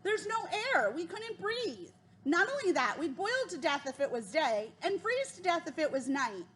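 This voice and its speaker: A woman's voice: very high-pitched, sing-song, normal speed, a bit bright, a little hiss or hum, full character voice. A woman voicing a cautious, bookish young boy in a storybook. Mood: earnest.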